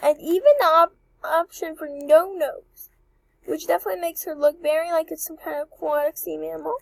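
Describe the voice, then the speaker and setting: A young woman chatting excitedly through a walkthrough of an avatar creator, with apologetic asides. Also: very high-pitched, brisk, gravelly, no echo, rough recording. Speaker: channel host reviewing avatar creators. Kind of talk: casual screen-recording walkthrough.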